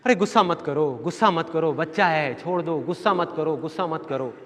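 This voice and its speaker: A man's voice: fairly high pitch, brisk, fairly bright tone, lightly acted. A man voicing an anxious mother who pleads with her angry husband, fussing in a raised voice. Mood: pleading.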